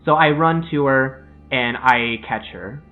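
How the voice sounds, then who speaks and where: A man's voice: medium pitch, a little slow. A man playing a tabletop game, describing his character's actions in a rambling way. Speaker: player. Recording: tinny phone-like call audio with faint music.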